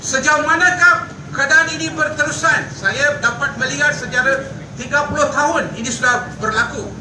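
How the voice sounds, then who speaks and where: High-pitched older Malaysian man at a rally. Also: moderate pace. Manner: earnest, emphatic and repetitive, with hesitant fillers. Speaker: rally speaker. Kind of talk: political rally speech. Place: outdoor night rally by a street. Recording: echoey PA sound from far off with traffic noise.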